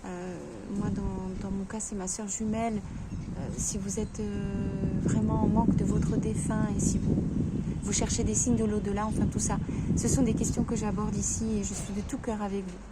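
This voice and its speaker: A woman in a personal vlog, talking to viewers in a halting way, stammering and restarting her sentences. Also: mid-range voice, level tone, heavy background noise. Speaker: vlogger.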